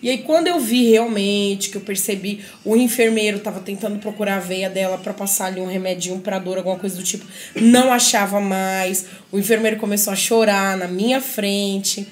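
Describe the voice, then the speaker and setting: A woman's voice: mid-range voice, fairly even intonation, brisk. A woman giving an earnest, reflective personal testimony at a group meeting, often checking in with her listeners. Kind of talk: personal life-story testimony.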